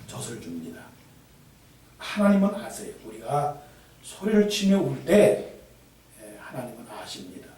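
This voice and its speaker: A male pastor preaching a sermon with lively delivery, breaking into shouted cries and then dropping to hushed asides. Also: mid-range voice. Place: church sanctuary. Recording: echoey hall from far off, faint noise.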